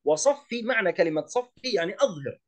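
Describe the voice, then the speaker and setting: A man teaching a recitation lesson, explaining a poem line by line and slowly demonstrating the sounds. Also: high-pitched, lively intonation. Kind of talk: tajwid lesson explaining verse.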